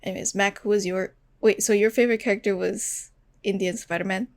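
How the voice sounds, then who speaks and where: A woman on a casual podcast who teases her co-hosts and keeps the talk going with questions. Her voice is at an ordinary middle pitch. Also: fairly even intonation, brisk. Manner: teasing, steers the conversation with questions. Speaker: podcast co-host. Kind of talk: casual chat.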